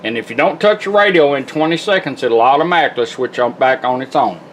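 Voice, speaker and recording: Working indoors at a workbench, a middle-aged man gives a casual, hands-on product demonstration. He explains each step in a folksy, informal way, speaking fast in a mid-range voice. A little hiss or hum is audible.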